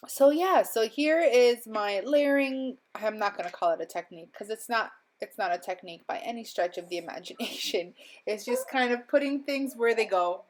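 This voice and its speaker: A young woman, still getting over a cold and sounding slightly stuffy, narrates a crafting voiceover from home. Her voice sits a little high and moves at a normal speed, rambling and chatty with plenty of ums and small laughs. She's a crafting vlogger recording on a voiceover mic.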